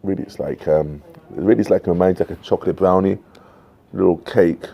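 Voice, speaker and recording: A man in his fifties chatting casually to camera outdoors, in an unhurried, musing manner with frequent pauses. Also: sits low, fairly even intonation, gravelly, slightly rough, muffled recording. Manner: unhurried, musing, pausing often. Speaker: pipe tobacco reviewer. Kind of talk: casual vlog chat. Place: covered porch outdoors at night. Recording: noisy home-made outdoor recording.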